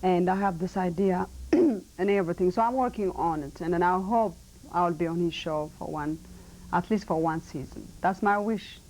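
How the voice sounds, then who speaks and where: An Ethiopian-accented woman, a model and actress, speaks earnestly and emphatically in a 1990 TV interview, her non-native phrasing halting. Her voice is lowish and a little mellow, and the broadcast recording is rough.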